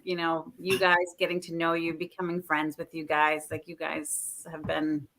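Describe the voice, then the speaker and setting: Casting: female host, lowish voice with a bright, gravelly edge, upbeat. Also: completely flat delivery, moderate pace, slight background noise. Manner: friendly and upbeat, giving thanks. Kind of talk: casual chat.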